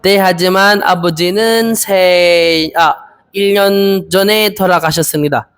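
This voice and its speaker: A young man in his twenties from the Philippines, practicing Korean interview answers aloud, hesitant and repeating each phrase slowly. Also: high voice, steady tone, a bit bright, smooth, soft background music. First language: Filipino. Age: 20s. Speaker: Korean language learner.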